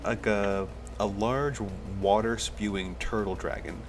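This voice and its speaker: A man's voice: fairly low pitch, fairly even intonation, measured pace, a little hiss or hum. A man running a tabletop game as game master, explaining rules and describing scenes at length.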